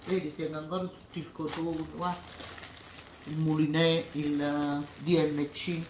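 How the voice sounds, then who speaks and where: A woman's voice: low voice, little pitch movement, measured pace. An old woman in her seventies with a southern Italian accent from Campania, casually reminiscing in short phrases punctuated with little check-in tags. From Salerno, southern Italy. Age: 70s. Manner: short, fragmented phrases with frequent "eh" and "see?" tags. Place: home kitchen, indoors. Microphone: phone held nearby. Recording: noisy phone recording in kitchen.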